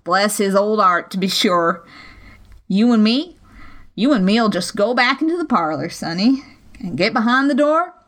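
A sly old pirate with a wheedling, half-sneering manner, as a woman reads him aloud in an audiobook. He coaxes and fawns over every word in a middle-pitched voice. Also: animated, normal speed, a bit bright, natural voice. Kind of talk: audiobook character voice.

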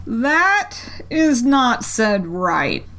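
A woman voicing a stern male caterpillar who smokes a hookah, with a slow, drawling, curt delivery. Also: on the high side, big pitch swings, fairly bright tone, full character voice. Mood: disapproving.

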